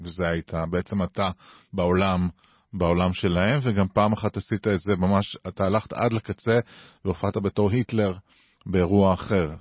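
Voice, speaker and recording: Man, podcast host, raspy lowish voice, informative delivery, dry close sound. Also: steady tone, dry recording, dull audio. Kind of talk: interview questions and scripted explanatory narration.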